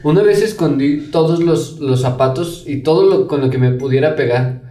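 A man with a Mexican accent telling childhood stories in casual chat, animated and laughing. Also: fairly high pitch, normal speed, distant mic. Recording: echoey room, off-mic, noisy.

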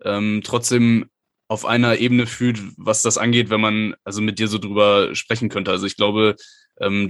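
A man's voice: on the low side, no echo, studio quality. A man hosting an aviation podcast, asking questions in a friendly, chatty way. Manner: friendly, chatty, many fillers. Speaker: podcast host, interviewer. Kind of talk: casual interview chat.

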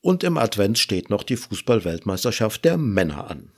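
A man hosting a literature show, reading a fairy tale aloud in a measured, lyrical way. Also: fairly low pitch, sing-song, husky. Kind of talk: storybook reading.

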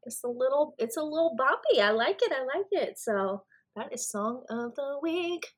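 A woman's voice: sits high, expressive, moderate pace. Chatty young woman podcast co-host. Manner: chatty, swears casually, laughs often. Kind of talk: casual podcast chat.

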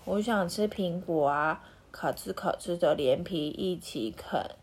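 Picture-book wolf, hesitant and low-key, breathy; woman doing the voice. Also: normal speed, lightly acted. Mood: listless. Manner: quiet, hesitant, a little sad. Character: gentle, wistful male wolf, soft-spoken.

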